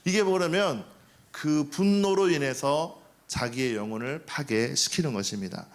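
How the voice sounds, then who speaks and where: A man preaching a sermon as pastor, talking to the congregation in a conversational way, asking rhetorical questions and acting out the angry words of the people in his stories. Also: mid-range voice. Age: young adult. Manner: acts out quoted angry speech.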